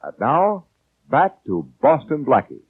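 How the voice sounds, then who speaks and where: A man's voice: wildly swooping pitch, measured pace. Male announcer on an old radio show. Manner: smooth, persuasive pitchman. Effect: old radio broadcast sound. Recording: tinny lo-fi vintage radio broadcast.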